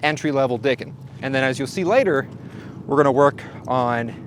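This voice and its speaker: Speaking at a normal speed with a medium-pitched voice, this shooting channel host narrates a casual range vlog over slight background noise. He's playful and jokey, talks straight to the viewer, and gets winded at times.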